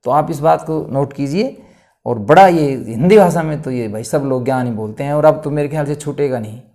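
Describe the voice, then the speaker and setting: A man teaching a lesson, putting questions to the class and answering them himself, slowing down to spell out each letter. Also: a little high, warm tone. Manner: emphatic, asks and answers his own questions, slows to spell out letters. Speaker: Hindi teacher. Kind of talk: explanatory lecture.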